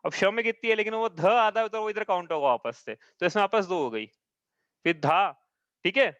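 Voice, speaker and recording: A man's voice: sits high, fairly bright tone, no echo. A man teaching a live class, patiently explaining each step and often checking that his students follow. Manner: chants verses slowly. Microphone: own mic, audio only.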